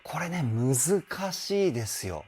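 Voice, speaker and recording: A man's voice: mid-range voice, big pitch swings, slow, darkish tone, breathy edge. A young man, a vocal coach, chatting enthusiastically while reacting to and analysing a song, laughing often.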